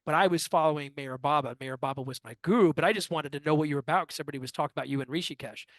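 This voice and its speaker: A man's voice: a little high, very fast, no room sound. A man in his fifties, a guest in an interview, telling a long personal story and acting out what others said. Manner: animated anecdotal storyteller who acts out quoted dialogue.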